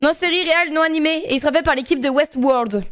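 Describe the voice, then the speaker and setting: A woman's voice: sits high, fast, a bit bright. A young woman streaming a game, chatting casually and laughing with friends. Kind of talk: casual gaming chat with friends.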